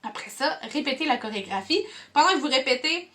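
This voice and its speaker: A woman's voice: high-pitched, lively intonation, fairly quick, bright, forceful tone. A young woman with a Quebec French accent, leading kids through a movement activity from home as a cultural mediator, encouraging and addressing viewers directly. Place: home, indoors.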